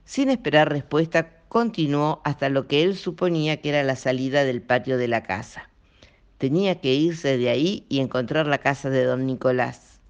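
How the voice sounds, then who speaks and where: A man, reading a children's story aloud as an expressive storyteller. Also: mid-range voice, normal speed, smooth, highs cut off. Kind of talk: audiobook narration.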